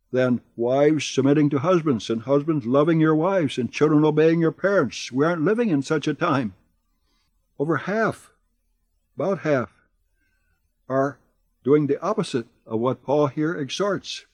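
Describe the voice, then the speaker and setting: A man preaching a radio sermon, earnest and exhorting, with slow emphatic pauses. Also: a little high, darkish tone, no room sound. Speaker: pastor.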